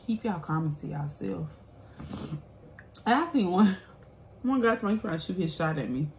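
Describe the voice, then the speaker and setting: A woman vlogger with a fairly low voice talks bluntly to her viewers in casual chat. She is sassy and emphatic. The room is echoey, with faint noise behind her. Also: sing-song, measured pace, gravelly. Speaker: vlogger and mukbang host. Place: indoors, small bare-walled room at home. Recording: roomy echo, faint background noise.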